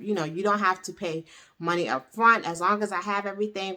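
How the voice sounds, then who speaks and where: A woman's voice: medium pitch, pushed and bright. A woman speaking casually and directly to viewers as a tax professional, frank and persuasive, urging them to act and checking in with "okay?". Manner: punctuates points with "okay?". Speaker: tax professional hosting an explainer video.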